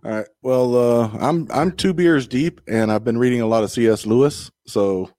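A man's voice: medium pitch, moderate pace, dark tone, dry recording, clean studio sound. A man with a thick Southern US accent, chatting casually and jokingly on a podcast in an easygoing way.

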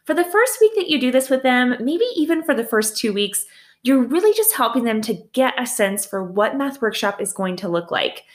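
A woman's voice: a little high, animated, normal speed. Friendly woman teacher giving classroom tips. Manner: friendly, practical, laughs lightly at own slips. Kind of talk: casual instructional talk.

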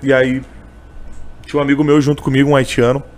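A man's voice: mid-range voice, monotone, fast talker, a little mellow. A man telling a personal story in a casual interview, emotional and full of fillers. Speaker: interviewee, candy seller who sings on trains.

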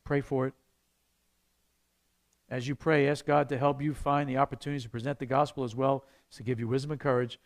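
A man, a pastor teaching an evangelism class to his church in a conversational way, breaking into sudden loud bursts. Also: mid-range voice, level tone, a little fast, pauses often.

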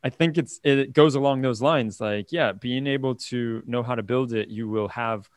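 A man's voice: medium pitch, normal speed, no room sound. Male host, casual tech chat, laughs easily, clean dry sound. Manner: upbeat, laughs often, wraps up the show.

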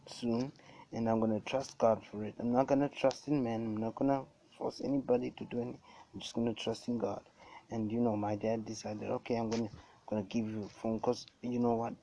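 A man's voice: medium pitch, dark tone, a little hiss or hum, poor audio. A young man with a Namibian accent chatting casually and earnestly as a podcast host, repeating phrases for emphasis, recorded on a cell phone. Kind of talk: casual religious podcast chat.

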